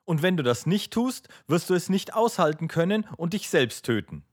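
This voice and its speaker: A distressed, devout young man, his voice climbing high as he pleads, put on by a male reader. The tone is earnest and imploring. The recording is dry and close, with no room sound. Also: sing-song, normal speed, dry recording. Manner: raised, imploring.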